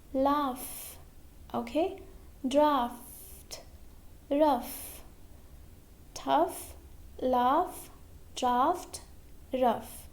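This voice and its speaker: Woman, high voice, very slow, pronunciation teacher, repeats words, frequent okays. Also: mellow. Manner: slow, repeats words, says okay often. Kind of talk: slow explanatory lesson.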